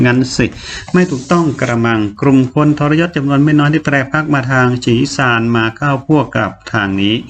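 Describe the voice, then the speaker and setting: A man's voice: mid-range voice, a little hiss or hum. A man narrating a novel in a dramatic reading, voicing each character himself. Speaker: audiobook narrator.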